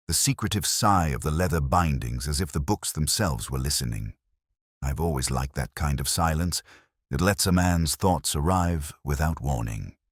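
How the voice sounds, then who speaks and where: A man narrates a scripted first-person detective story in a measured, brooding, literary way. His voice rumbles low, and the recording is dry and studio quality.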